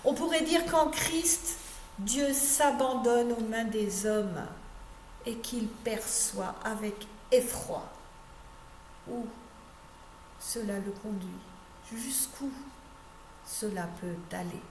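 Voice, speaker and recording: Woman pastor, slow meditative sermon, rather high voice, echoey room recording. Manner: measured, emphatic on key phrases, voice dropping at sentence ends. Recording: echoey room with faint background noise.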